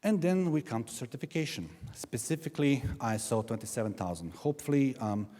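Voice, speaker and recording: A man's voice: mid-range voice, animated, fairly quick, mellow. A man with a Serbian accent giving a sarcastic, mocking conference talk, often cutting himself off to correct a word. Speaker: conference speaker. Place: conference hall. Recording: long hall reverb.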